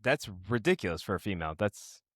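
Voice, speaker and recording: A man hosts a relaxed interview in a somewhat low voice. He talks fast, stacking fillers as he reacts and steers the questions. The sound is dry and close. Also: no room sound. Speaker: podcast host. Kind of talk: casual interview.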